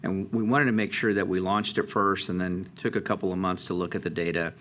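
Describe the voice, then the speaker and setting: A man with a low voice talks a city council through an update. He speaks casually and loosely, with frequent fillers and restarts. Faint room noise sits under his voice. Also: fairly even intonation, a little fast, fairly bright tone. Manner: conversational, many fillers and restarts. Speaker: transit district presenter. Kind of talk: council presentation.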